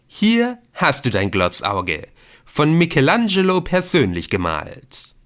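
A man's voice: a little high, huge pitch swings, slow pace, a bit bright, pitched above the performer's own voice, exaggerated voice. A man putting on a theatrical, teasing riddle-lover. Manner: theatrical, teasing, mock-dramatic. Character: playful theatrical adult man fond of riddles. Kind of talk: audiobook character voice.

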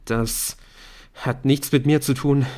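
A nervous teenage boy in an audiobook, with a hasty, defensive delivery, as a man puts him on. His voice sits at an ordinary pitch. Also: steady tone, slow, warm tone, lightly acted. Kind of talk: audiobook character voice.

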